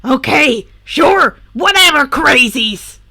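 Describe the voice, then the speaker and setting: Brief: loud, gravelly, sharp-edged young villain who swears constantly, put on by a woman reading a podfic. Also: sits high, animated, takes it slowly, heavily acted. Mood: exasperated. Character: irritable foul-mouthed young male villain gamer. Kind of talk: podfic character voice.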